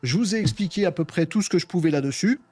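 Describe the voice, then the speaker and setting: A middle-aged man hosts a relaxed software tutorial, chatty and full of small acted-out exchanges. His voice sits a bit high for a man. He often pauses on fillers as he thinks aloud. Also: husky, no room sound. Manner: chatty, animated, acts out little mock dialogues; hesitant with frequent fillers. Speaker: tech tutorial host. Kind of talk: casual screen-share tutorial.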